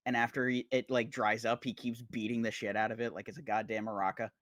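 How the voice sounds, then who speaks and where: A man's voice: mid-range voice, little pitch movement, fast talker, a bit bright. A young man talks loosely on a podcast, wandering through his points and dropping crude jokes. The sound is dry and close, with no room echo. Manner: rambling, crude humor. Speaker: podcast co-host. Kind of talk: casual chat.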